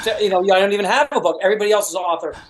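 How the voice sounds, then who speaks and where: Animated male podcast guest telling stories. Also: high voice, racing, slight background noise, low-quality recording. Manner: lively storyteller, many "you know"s and quoted voices.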